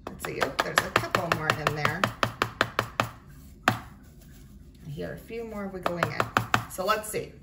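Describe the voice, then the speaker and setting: A woman's voice: lowish voice, unhurried, pauses often. Chatty woman in a roomy, distant recording. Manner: chatty, informal, talking while handling items. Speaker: craft product reviewer. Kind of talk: casual product demonstration. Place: indoors at a tabletop, roomy. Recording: roomy, distant mic, faint noise, clicking. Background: clicks and rattles of handled items.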